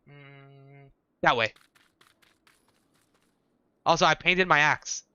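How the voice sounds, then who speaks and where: A man's voice: a little high, drawn-out words, sharp tone, smooth, no room sound. A man chatting casually with viewers while streaming a video game. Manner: chatty, talks to chat viewers. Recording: dull lo-fi stream audio.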